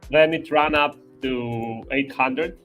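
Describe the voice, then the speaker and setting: A man's voice: mid-range voice, a bit bright, faint music behind. Hesitant young man from Albania. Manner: hesitant, many "uh" pauses, slightly broken English. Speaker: guest. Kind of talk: casual chat.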